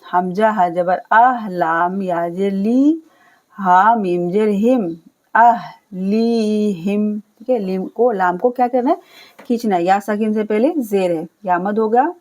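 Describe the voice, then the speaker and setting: Woman, recitation teacher; measured, unhurried delivery, spells sounds then chants words long, patient explainer. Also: medium pitch, a little mellow. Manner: spells out letters and vowels, then chants words drawn out slowly; explains rules patiently, often checks with a quick "okay". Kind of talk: step-by-step recitation lesson.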